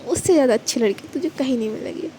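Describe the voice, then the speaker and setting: A woman voicing a caring older sister who soothes her sibling in a soft, fond tone in a storybook reading. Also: high-pitched, expressive, quick pace, a little hiss or hum. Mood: soothing. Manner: soft, comforting, scolding fondly.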